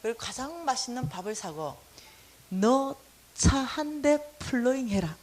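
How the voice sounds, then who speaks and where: A middle-aged woman giving a church finance lecture as lively storytelling, acting out dialogue with exaggerated voices. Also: on the high side, measured pace, background noise. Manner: animated, acts out dialogue with exaggerated voices and laughs.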